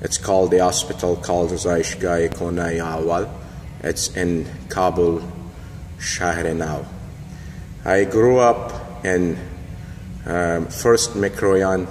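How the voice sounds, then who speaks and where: His voice sits low and a little mellow, with fairly even intonation and a slow pace. An Afghan boxing coach, he shares his life story casually to a phone he holds in a mirror selfie, speaking hesitantly with many fillers and phrasing. The large indoor gym adds long reverb and a faint background hum.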